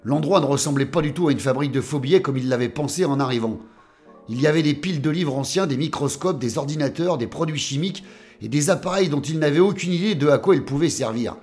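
A man's voice: a little high, fast, a little mellow, faint music behind. A man narrating a scripted detective story in a wry tone with coarse slang.

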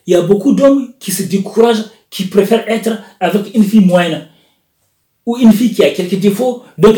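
A man giving a self-help coaching talk as a therapist, with repetitive, deliberate phrasing. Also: high voice, mellow. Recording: roomy echo.

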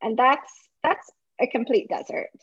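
A woman's voice: on the high side, a little slow, a bit bright, slightly rough, dry recording, dull audio. A woman in her thirties from Lebanon, a climate researcher chatting casually in an interview and laughing often.

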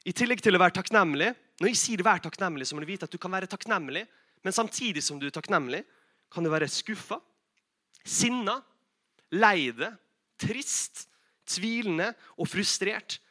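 A young man preaching a sermon, earnest and direct, asking the congregation rhetorical questions and shifting between loud emphatic calls and soft, low confessional passages. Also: lively intonation.

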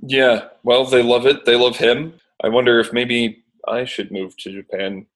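A man's voice: medium pitch, steady tone, normal speed, fairly bright tone. A man co-hosting a casual guitar podcast, telling stories in an easygoing way and laughing often. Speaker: podcast co-host. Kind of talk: casual chat.

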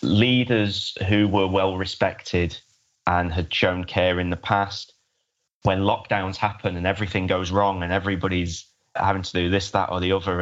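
Man, deep voice, informal conversational interview guest, reflective, dull lo-fi recording. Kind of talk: conversational discussion. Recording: dull lo-fi audio.

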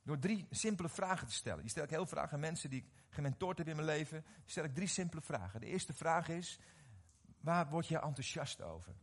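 Husky, animated middle-aged male preacher. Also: fairly high pitch, a little fast. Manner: animated, questions the audience, repeats words when restarting. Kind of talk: sermon to a live congregation.

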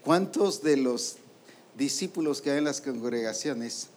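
A man preaching a sermon to ministers, lively and full of rhetorical questions, acting out quoted voices. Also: mid-range voice, unhurried.

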